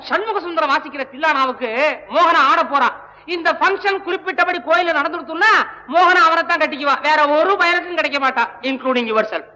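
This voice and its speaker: Sly sarcastic schemer, very high bright voice, rapid talk, reverberant old film. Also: male voice, exaggerated voice. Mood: smug. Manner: quick, wheedling, sarcastic. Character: sly fast-talking male schemer, mocking.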